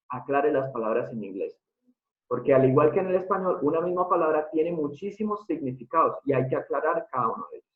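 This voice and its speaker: Man lecturing over a tinny, echoey line. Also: fairly high pitch. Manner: explanatory, keeps asking the audience questions. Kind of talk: live online lecture. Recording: tinny phone-like sound in an echoey room.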